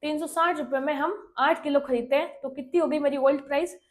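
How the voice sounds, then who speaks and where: A woman teaching an exam-prep maths lesson, working through problems step by step, often checking in with "okay" and reading English questions out slowly. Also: sits high, steady tone. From India. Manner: explains step by step, checking with "ठीक है".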